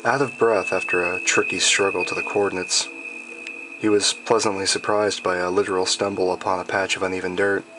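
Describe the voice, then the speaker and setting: A man reading a scripted horror story in a measured, deliberate and ominous storytelling manner. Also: low voice, level tone, background noise. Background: background music.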